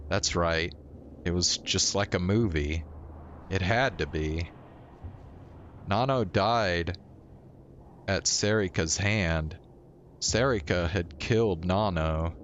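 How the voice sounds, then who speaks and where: A man streaming a visual novel, reading its narration aloud in a slow, even way. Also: sits low, a little hiss or hum.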